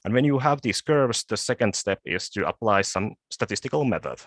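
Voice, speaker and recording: Halting low-voiced man presenting research. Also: animated, a bit bright, no echo. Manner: halting, with frequent word repeats and restarts. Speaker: conference presenter. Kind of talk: academic conference presentation.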